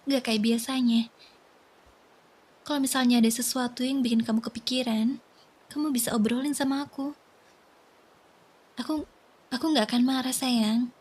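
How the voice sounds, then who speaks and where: A woman voicing a soft, breathy worried young wife. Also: on the high side. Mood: pleading. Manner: gentle, coaxing, pleading. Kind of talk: whispered role-play.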